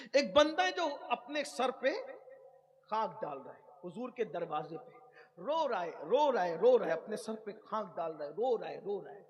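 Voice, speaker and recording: Male preacher, impassioned storytelling sermon; high voice, dull lo-fi sound. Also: a little hiss or hum. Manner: impassioned, repetitive, dramatic.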